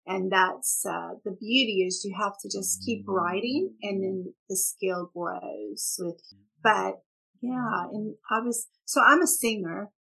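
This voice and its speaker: A woman's voice: medium pitch, takes it slowly, creaky, bright, forceful tone, breathy edge, low-quality recording. A middle-aged woman from Oklahoma, raised in Texas, with a Texan accent lightly polished by British stage work, chatting as an interview guest, talkative and often laughing. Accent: Texan with a slight British stage polish. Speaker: guest author. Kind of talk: casual interview chat.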